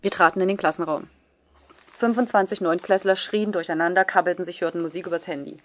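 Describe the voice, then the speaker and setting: A woman reading a first-person novel aloud in a measured, subdued way. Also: fairly low pitch, fairly even intonation. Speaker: audiobook reader. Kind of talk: scripted first-person narration.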